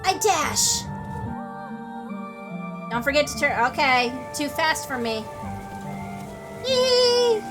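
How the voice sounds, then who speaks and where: A woman's voice: sits high, slow, pauses often, music in the background. Sarcastic swearing woman playing a game. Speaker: gameplay commentator. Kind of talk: casual let's-play commentary.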